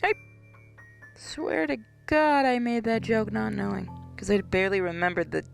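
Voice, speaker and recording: Here the woman's voice sits at medium pitch, gravelly and steady, at normal speed. As host of a gaming video with game music in the background, she performs horror game text theatrically and adds casual, joking comments.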